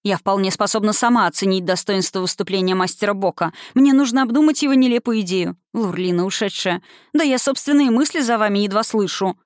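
A prim, haughty young society lady speaks with stiff, formal dignity, as an audiobook reader puts her on. The voice sits at a middle pitch and is recorded close and dry. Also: brisk, few pauses, no room sound, natural voice. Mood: irritated. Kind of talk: audiobook reading.

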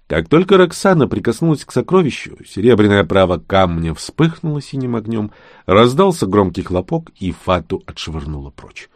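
A man narrating a fantasy audiobook with an expressive, dramatic reading. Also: on the low side, normal speed, no echo, clean studio sound.

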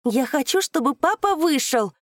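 A woman reading an audiobook, voicing a desperate young woman who pleads in high, loud outbursts. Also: expressive, slow, no echo, clean studio sound.

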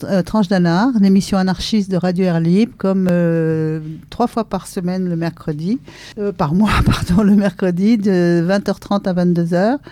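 A radio show host in a studio, presenting the programme and guests with a soft, mellow tone. The delivery is halting, full of small hesitations. The pitch sits in a middle range. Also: fairly even intonation, no room sound. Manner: hesitant, many filler pauses. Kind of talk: live radio introduction.

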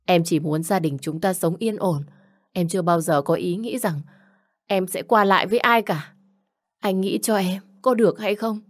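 A woman's voice: lowish voice, moderate pace, natural voice. A woman reading a story, voicing a frightened young wife who pleads and apologizes to her husband. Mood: pleading.

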